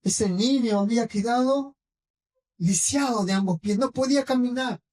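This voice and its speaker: A woman's voice: on the high side, a little mellow. A woman preacher with a Rioplatense accent, retelling scripture in a sermon and often checking in with her listeners through short questions. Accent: Rioplatense Spanish. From Argentina. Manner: checks in with the congregation with frequent tag questions; retells scripture slowly, with pauses and fillers. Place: church hall. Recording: voice from a distance.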